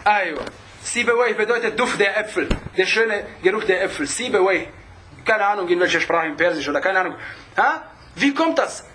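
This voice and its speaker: A man giving an informal religious talk, sprinkling in Arabic phrases, often checking in with a quick question and chuckling as he explains. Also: sits high, expressive, bright, forceful tone, slight background noise. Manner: peppers speech with Arabic phrases and asks "ja?" often; chuckles while explaining, restarts words. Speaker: religious lecturer.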